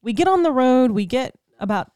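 Animated woman telling a story. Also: high-pitched, brisk, no room sound, studio quality. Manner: animated storyteller, laughing often, acting out quoted voices. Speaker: podcast co-host. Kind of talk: casual storytelling chat.

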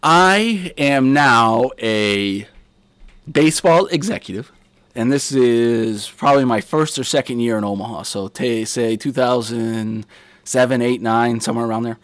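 Male storyteller, forties, animated, laughs through it, dry close mic. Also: medium pitch, a little slow, no echo. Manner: animated, laughs mid-story, acts out chants and quotes. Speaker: guest telling a story. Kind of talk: casual storytelling.

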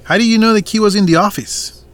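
An actor voices a firm family-farm co-owner who confronts someone seriously and deliberately in an audio drama. His pitch is high and the acting is light.

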